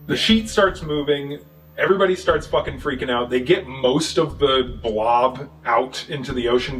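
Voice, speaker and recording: A man casually recapping a movie plot, swearing and joking, with quick voices for the characters. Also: medium pitch, a bit bright, recorded from a distance, rough recording. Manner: profane, jokey retelling with quick voices for characters. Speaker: podcast co-host.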